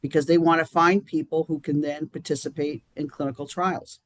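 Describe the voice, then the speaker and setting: A man with a Boston accent answers questions on a live-stream interview, rambling and halting as he goes back and restarts his sentences. His voice sits a little high for a man. The sound is dry and close, with no room around it. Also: steady tone, fairly bright tone, dry recording. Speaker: guest.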